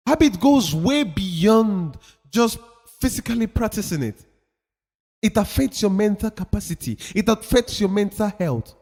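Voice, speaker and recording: A man with a high voice gives a motivational talk, his pitch swinging widely as he presses his points. He talks in an emphatic, preachy way and repeats phrases for effect. A long reverb hangs on the sound, as in a hall. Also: animated, unhurried, a little mellow. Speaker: motivational speaker.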